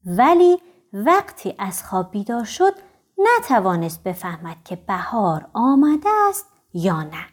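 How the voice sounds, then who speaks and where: A woman reading a children's storybook aloud with gentle, expressive storytelling. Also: medium pitch. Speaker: audiobook narrator for children.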